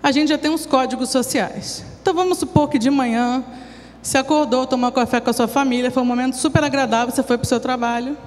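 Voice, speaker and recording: A woman's voice: sits high, steady tone, fast, darkish tone. A woman giving a talk at a church recovery program, explaining in a conversational way with everyday examples. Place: church hall. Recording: long hall reverb, faint hum.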